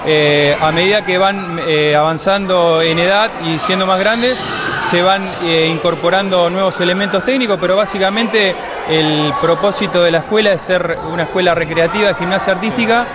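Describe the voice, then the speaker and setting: A middle-aged gymnastics school coordinator with a high voice and an Argentine Spanish accent explains the program in measured answers full of hesitant "eh" fillers. He speaks into a handheld mic held by an interviewer in an indoor gymnastics hall with children, with loud crowd noise behind.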